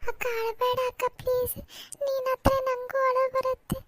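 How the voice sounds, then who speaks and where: A woman's voice: very high voice, level tone, normal speed, fairly bright tone. A woman voicing a caring young girl who pleads with her older sister not to cry. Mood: consoling. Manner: soothing, pleading. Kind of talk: cartoon voice acting.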